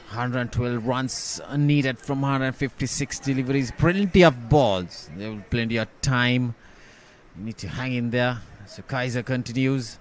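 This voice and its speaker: A man commentating live on a cricket match, explaining play as a cricket commentator does. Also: medium pitch.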